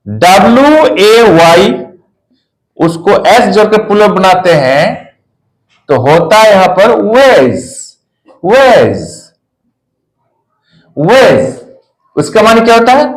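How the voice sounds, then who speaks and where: Slow, sing-song male teacher, echoey room. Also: high-pitched, animated. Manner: slow, repeats each word and spells it out. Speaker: English teacher. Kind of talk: spoken English lesson.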